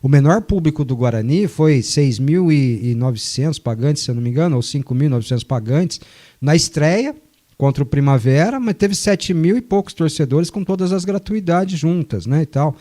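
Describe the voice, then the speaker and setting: A man's voice: on the high side, moderate pace, warm tone. A man hosting a radio sports show, chatting casually, joking and reading listener messages. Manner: chatty, joking, long explanations. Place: radio studio.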